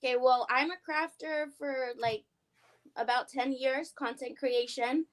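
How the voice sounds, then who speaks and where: A young adult woman, an award-winning guest, talking excitedly in a casual interview chat. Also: sits high, measured pace, poor audio. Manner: excited, upbeat, talkative.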